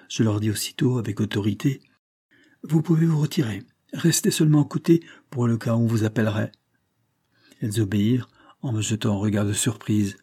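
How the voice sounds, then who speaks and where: A man narrates a detective tale in a steady, measured reading. His voice sits low, dark and mellow, with a husky grain. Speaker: audiobook narrator. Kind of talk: scripted narration of a detective story.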